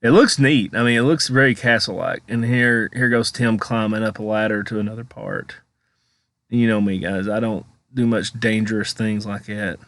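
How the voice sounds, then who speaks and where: A man's voice: lowish voice, fairly even intonation, moderate pace, a bit bright, no room sound. An American man giving a casual, chatty voice-over as a vlogger, rambling informally as he comments on exploration footage.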